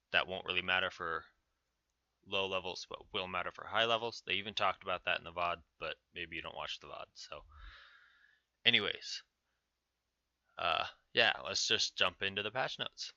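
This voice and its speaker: A man's voice: low-pitched, bright, forceful tone, dry recording. A man giving informal, offhand commentary on game patch notes as a video host. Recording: dull, narrow-band sound.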